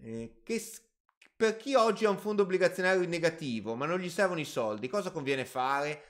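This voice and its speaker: Speaking a little high and brisk, with lively intonation and a somewhat bright tone, a finance channel host runs a casual live stream on personal finance. He reads viewer questions aloud and improvises answers peppered with hedges and asides.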